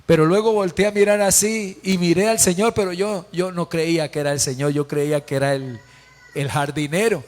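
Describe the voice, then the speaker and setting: A man's voice: fairly high pitch, fairly even intonation, normal speed, darkish tone, close to an everyday voice. A man acting out a grieving woman who tells, in first person, how she found the tomb empty, her retelling tearful and rising to pleading cries. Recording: long church hall reverb.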